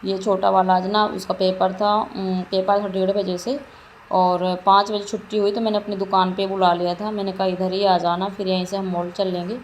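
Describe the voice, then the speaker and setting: Flat-voiced woman chatting through a vlog. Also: mid-range voice, moderate pace, low-quality recording. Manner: rambling, repeats herself while narrating a shopping trip. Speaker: vlogger. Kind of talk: casual vlog narration. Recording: faint background noise.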